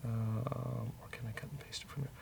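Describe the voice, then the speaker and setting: This man, a developer who hosts a show, codes casually while thinking aloud and muttering with hesitation. He speaks at normal speed in a medium-pitched, level voice that is creaky, slightly rough, and darkish in tone, over faint background noise.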